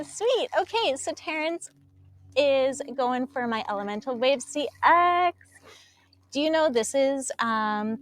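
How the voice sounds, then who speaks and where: A young adult woman co-hosting a casual live stream from a dock on a lake, chatty and quick to laugh. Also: a little high, slight background noise. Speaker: co-host presenting paddleboards. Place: outdoors on a floating dock on a lake.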